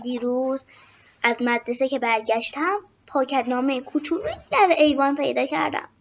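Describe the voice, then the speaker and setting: High-voiced woman reading a storybook. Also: vocal fry, a little hiss or hum. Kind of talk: storybook narration. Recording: dull lo-fi recording.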